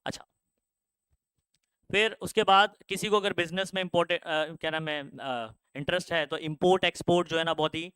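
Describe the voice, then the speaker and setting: A man's voice: a little high, moderate pace, bright, forceful tone, smooth, no room sound. A young male teacher gives a casual classroom talk on career options, often checking that students follow. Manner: conversational, asks the class frequent check questions; casual, with frequent fillers. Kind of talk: classroom career guidance lecture.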